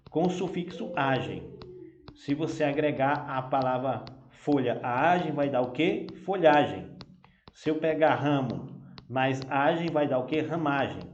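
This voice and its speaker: A male teacher patiently walks pupils through a grammar exercise in a recorded classroom lesson, often checking they follow by repeating "vai dar o quê?" and "né?". His voice is fairly high, and the audio sounds dull, in an echoey room with faint noise.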